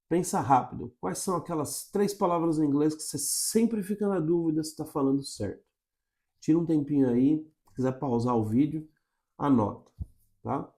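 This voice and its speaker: Brazilian male teacher, warm mellow tone, direct-to-camera coaching delivery. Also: on the high side. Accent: Brazilian Portuguese. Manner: coaching, checks in with frequent "tá?". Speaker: English teacher.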